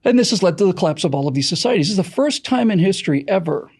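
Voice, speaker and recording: An American man from the United States speaks in a high, expressive voice, very fast, a little mellow and slightly rough. As a host he offers earnest, off-the-cuff political and historical commentary, talking emphatically through long, discursive explanations.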